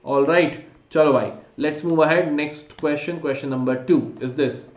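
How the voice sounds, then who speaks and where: A man's voice: a little high, steady tone, moderate pace. A man with an Indian accent teaching a live online quiz class, informally urging students on and mixing Hindi phrases into his English. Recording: dull, roomy, echoey sound.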